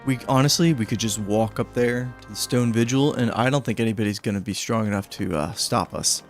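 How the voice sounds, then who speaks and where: A man's voice: on the low side, a little fast, soft background music. Chatty man commenting on gameplay. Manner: chatty, joking asides to the game. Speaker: gaming streamer.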